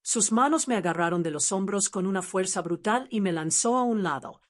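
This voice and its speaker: A woman's voice: mid-range voice, lively intonation, a little fast. A woman telling a scripted first-person family drama in a dramatic storytelling delivery.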